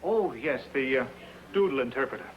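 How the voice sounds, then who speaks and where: A man's voice: medium pitch, expressive, brisk, muffled recording, natural voice. An actor playing a jovial, absent-minded psychology professor who chuckles as he talks, in 1950s sitcom style. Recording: noisy old TV soundtrack, loud audience laughter.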